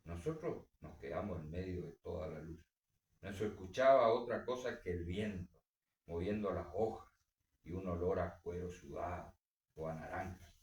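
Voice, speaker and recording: Low-voiced guy reading a story, big swings, echoey room, mic far away. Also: moderate pace, darkish tone. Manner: dramatic reading with strong swings in pitch and volume. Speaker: reader. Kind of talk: literary reading. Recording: roomy echo, distant mic.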